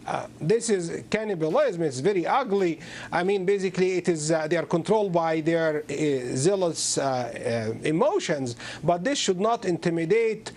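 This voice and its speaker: High-voiced man debating on a panel. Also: expressive, a little mellow, a little hiss or hum. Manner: deliberate, pausing often with fillers. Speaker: panel guest analyst.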